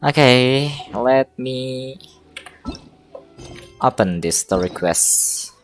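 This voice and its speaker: Speaking extremely slowly yet with animation, this mid-range voice belongs to a game livestreamer casually and hesitantly talking to themselves on a live stream, with game music in the background.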